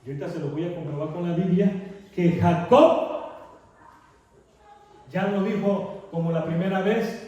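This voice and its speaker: A man's voice: sits high, moderate pace, pauses often, warm tone. A male pastor preaching a sermon, asking the congregation questions and repeating key phrases for emphasis. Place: church sanctuary. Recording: echoey church hall, mic far off.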